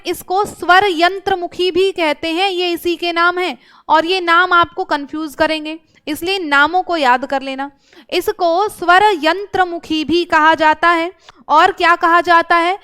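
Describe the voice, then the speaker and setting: High, bright-voiced woman teacher. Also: steady tone, measured pace. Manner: explains step by step, asks and answers her own questions. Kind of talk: exam-prep grammar lesson.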